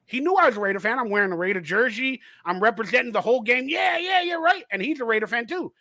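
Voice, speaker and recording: High bright-voiced man, animated chat. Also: very fast, no room sound. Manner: animated storyteller, acts out quotes, swears freely. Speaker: host of a fan livestream. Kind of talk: casual chat.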